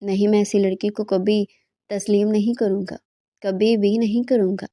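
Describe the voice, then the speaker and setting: Cold vengeful young man, read by a woman narrator; mellow, dry. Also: mid-range voice, flat delivery, no room sound, close to an everyday voice. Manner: cold, dismissive.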